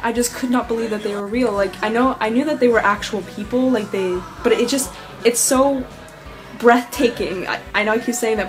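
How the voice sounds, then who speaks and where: A woman fan gushing about a concert, halting and restarting her sentences. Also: fairly high pitch. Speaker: fan interviewee. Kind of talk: casual interview answer.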